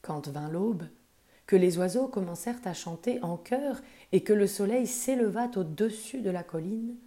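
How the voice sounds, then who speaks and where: A woman gently reading a children's wisdom tale aloud, soft and expressive. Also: medium pitch, moderate pace. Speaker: storyteller.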